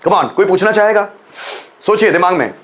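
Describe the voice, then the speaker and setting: A young man with a Hindi accent teaching English in a live online class, coaxing students and repeating examples slowly. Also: sits high, lively intonation, a bit bright.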